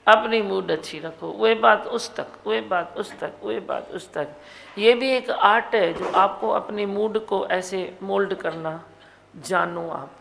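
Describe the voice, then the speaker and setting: Gravelly woman preaching. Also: medium pitch, slow, a little hiss or hum, rough recording. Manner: animated, scolding then coaxing, rhetorical questions. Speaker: spiritual teacher. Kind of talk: satsang discourse.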